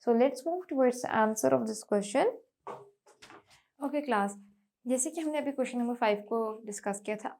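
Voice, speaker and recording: A woman teacher giving a classroom lecture. She reads answers slowly and explains them quickly, often addressing the class. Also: high voice, a little mellow.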